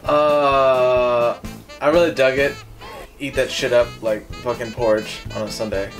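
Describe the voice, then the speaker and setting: A man in a casual film review chat, meandering and halting, with some swearing. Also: medium pitch, fairly even intonation, faint music behind. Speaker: film review show co-host.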